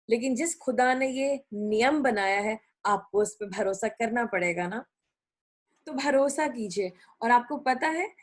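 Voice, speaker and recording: A middle-aged woman preaching a sermon in a conversational way, repeating her points for emphasis. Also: on the high side. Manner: conversational Hindi-English mix, repetitive emphasis.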